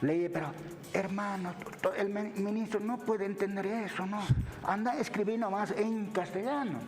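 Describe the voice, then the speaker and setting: Recorded in a large hall with faint music behind, a Bolivian-accented man with a high, steady voice speaks at normal speed. As a university lecturer guesting on a television interview, he explains didactically and dots his sentences with tag questions.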